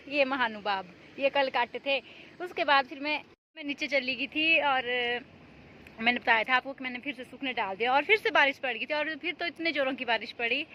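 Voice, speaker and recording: Woman vlogger, chatty and rambling, light high voice, phone mic with faint street noise. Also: bright, forceful tone. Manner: chatty, talks to viewers about chores. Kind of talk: casual vlog narration. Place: home rooftop and house.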